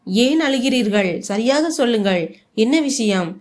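Devoted, outspoken young wife, read by a woman narrator, fairly high voice. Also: lively intonation, a little slow. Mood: indignant.

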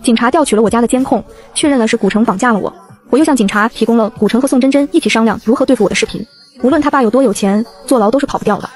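Rapid-fire woman narrating a novel. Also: on the high side. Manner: rapid, brisk storytelling. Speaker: audiobook narrator. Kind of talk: scripted first-person novel narration.

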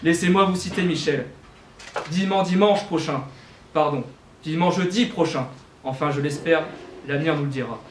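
A man's voice: on the high side, moderate pace, noisy background. A young man delivering a student eloquence-contest speech, declaiming with rhetorical questions and small self-corrections. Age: young adult. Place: university lecture hall. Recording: roomy hall with faint ambience.

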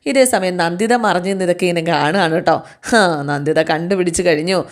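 A woman's voice: fairly low pitch, fast talker. Woman, casual storytelling, chatty recap, acts out lines. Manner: chatty, acts out quotes with tag words. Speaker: serial recap narrator.

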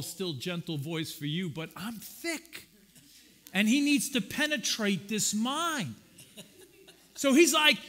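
A male pastor preaching a sermon. He swings from shouted lines to hushed asides and keeps asking the congregation questions and joking with them. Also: extremely high pitch. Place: church.

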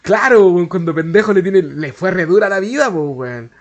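A man's voice: high voice, animated, normal speed, lo-fi sound. A man with a Chilean accent telling a story in a casual, slangy, profane way that rambles along. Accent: Chilean Spanish. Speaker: YouTuber.

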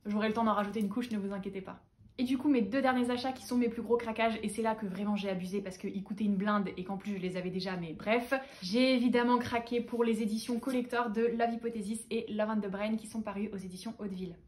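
A woman's voice: mid-range voice, fairly even intonation, quick pace, a little mellow. A young woman from France hosting a casual book haul chat, gushing with fan enthusiasm. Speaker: booktuber host.

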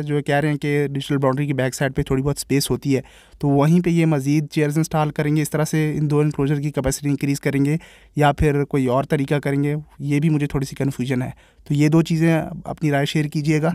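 A man's voice: a little high, darkish tone, no echo, studio quality. A man with a Pakistani Urdu accent, a cricket vlogger giving casual, exasperated commentary straight to his viewers. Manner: opinionated, exasperated, addresses viewers as brother.

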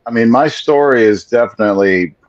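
A man's voice: medium pitch, a little fast, no echo. A man in his forties, born in Venezuela and raised in Florida, telling his story as a guest on a casual video call, laid-back and swearing freely. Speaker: guest drummer. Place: home room with ceiling fan. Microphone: video call webcam. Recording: dull lo-fi video call audio.

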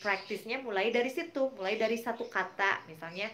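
A woman's voice: a little high, a little fast, a bit bright. A woman English teacher with an Indonesian accent, explaining grammar and pronunciation in an online class and patiently repeating English example words.

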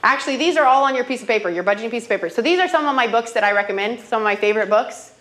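A woman with a somewhat high voice teaches a group of students in a classroom. She tells personal stories in a casual way, and she keeps checking in with "okay?" and "right?" to pull her listeners along. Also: lively intonation, very fast, fairly bright tone. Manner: storytelling, checks in with frequent "okay?". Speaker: financial literacy trainer. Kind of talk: classroom workshop talk.

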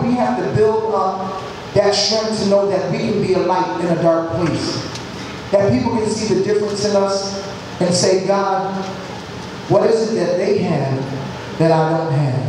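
Uomo sulla cinquantina, voce alta, predica esortativa, ripresa lontana in una chiesa molto riverberante. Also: male voice, high voice, background noise. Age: 50s. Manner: earnest, exhorting, repeats phrases. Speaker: lay preacher. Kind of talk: church sermon. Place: large church sanctuary. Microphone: handheld mic. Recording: echoey hall from far off.

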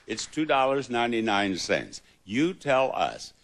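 A man hosting a game show before a live audience, with courtly, deliberate phrasing. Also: mid-range voice, sing-song. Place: television studio with live audience. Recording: loud music and studio audience behind.

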